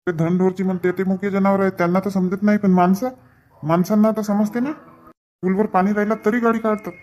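A man playing villagers in a comedy sketch, excitable and loud. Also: sits high, fairly quick. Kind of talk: acted rural comedy sketch.

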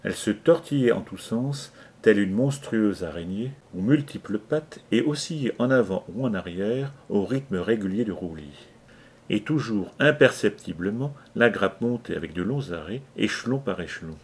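A man narrating an adventure novel aloud in a measured, dramatic reading. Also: lowish voice, expressive, a little mellow, breathy edge. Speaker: audiobook reader. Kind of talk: scripted narration.

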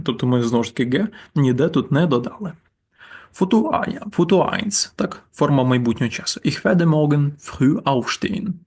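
Male language teacher, patient explainer, mid-pitched, walks through slides and drills example words slowly. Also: husky. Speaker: German teacher. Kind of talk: slide-based grammar lesson.

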